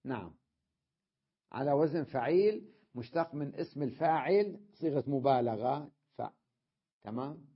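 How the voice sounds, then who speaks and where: This man's voice is medium in pitch and expressive, with a breathy edge; he speaks a little slowly and pauses often. It's a classroom lesson on Arabic grammar, captured as a dull lo-fi lecture, where he patiently explains and keeps making sure the students follow.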